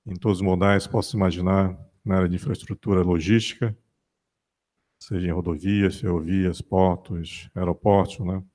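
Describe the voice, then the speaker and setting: A man's voice: sits low, darkish tone. A man with a Brazilian Portuguese accent moderating a conference panel, hesitant, with frequent fillers. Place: conference stage.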